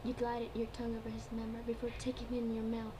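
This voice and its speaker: Woman, higher-pitched voice, fairly even intonation, amateur dramatic story reading, stumbling delivery, background noise. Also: fast. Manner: stumbles over words and repeats phrases. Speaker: fan fiction reader. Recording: clearly noisy home recording.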